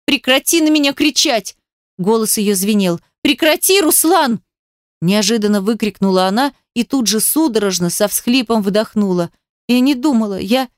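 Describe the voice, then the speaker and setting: A woman reading aloud and voicing an upset, stubborn young woman who shouts through tears. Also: medium pitch, moderate pace, dry recording, clean studio sound, lightly acted. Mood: upset shouting. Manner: shouting, tearful.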